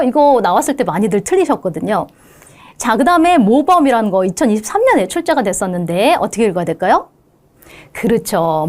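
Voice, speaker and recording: Lively woman teaching an exam-prep lecture. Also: on the high side. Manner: lively, coaxing, checks in with "그쵸?". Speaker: Japanese language instructor.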